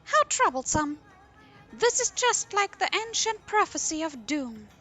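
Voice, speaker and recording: A woman's voice: very high voice, sing-song, unhurried, sharp tone, soft background music, full character voice. A woman voicing an old female wood sprite guardian from a video game, speaking earnestly and pleadingly. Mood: urgent.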